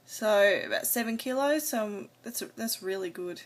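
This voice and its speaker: A woman's voice: mid-range voice, animated, a little slow. An adult woman talking casually to camera in a personal vlog, rambling a little hesitantly and trailing off. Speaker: vlogger. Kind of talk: casual personal video diary.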